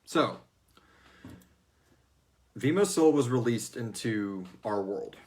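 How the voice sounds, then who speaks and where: Taking his time, a man with an animated, slightly mellow mid-range voice hosts a fan Q&A. He answers listener questions casually and jokily, using salty, profane language.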